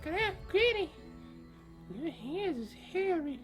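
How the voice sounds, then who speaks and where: A man's voice: very high voice, big pitch swings, takes it slowly, faint music behind, pitched above the performer's own voice, exaggerated voice. A man voicing an innocent, plaintive little girl from a storybook. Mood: puzzled.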